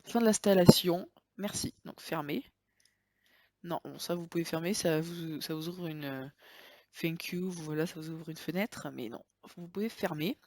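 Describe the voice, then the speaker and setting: Hesitant woman giving a software tutorial. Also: fairly low pitch, normal speed, dry recording. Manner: chatty, hesitant, fillers and self-corrections. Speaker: screen-recording tutorial maker. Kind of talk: casual software tutorial walkthrough.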